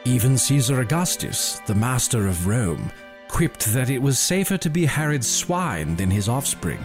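A man reads a scripted story in a measured, dramatic way. His voice sits at an ordinary middle pitch, and faint music plays behind him. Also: sing-song. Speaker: narrator. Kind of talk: scripted narration.

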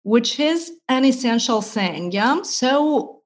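Her voice sits high and animated as this Ukrainian language teacher, a native speaker of Russian and Ukrainian, guests on a podcast interview. She explains in a measured way with frequent pauses.

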